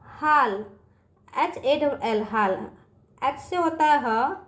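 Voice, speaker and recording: High-pitched, animated and a bit bright, this woman's voice stretches out words in a reverberant room. She teaches children English vocabulary online with patient repetition, often asking "समझ में आ गया बच्चों?"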